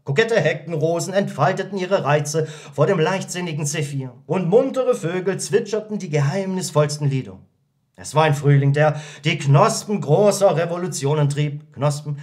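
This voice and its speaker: A man narrating a satirical story in an audiobook, telling it in a lively, expressive way. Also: a little high. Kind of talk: scripted narration.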